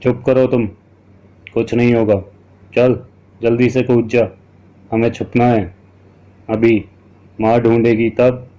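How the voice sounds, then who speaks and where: A man's voice: medium pitch, little pitch movement, slow, pauses often, mellow, muffled recording, close to an everyday voice. A man voicing a cruel young ghost girl who harshly orders a man to jump, in an audio horror story. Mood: harsh taunting. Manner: harsh, commanding.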